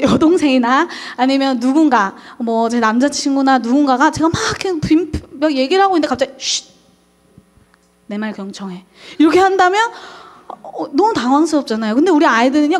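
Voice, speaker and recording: A young woman who teaches at a daycare, lecturing parents on how to talk with children and acting out quoted parent and child lines. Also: sits high. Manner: frequent "어" fillers, talks straight to parents.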